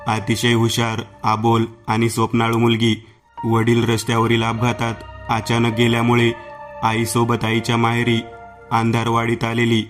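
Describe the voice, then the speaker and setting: A man reading a horror story aloud as a scripted narration, with an even, unhurried storytelling delivery. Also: mid-range voice. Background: faint background music.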